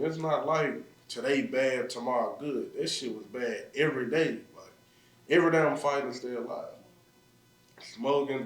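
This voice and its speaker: Memphis guy on a podcast, raw emotional storytelling, says like a lot, mic kinda far off. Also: medium pitch. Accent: Memphis Southern US. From Memphis, USA. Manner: raw, emotional, frequent "like" fillers. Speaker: podcast guest. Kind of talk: personal storytelling in conversation. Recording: roomy sound, mic at a distance.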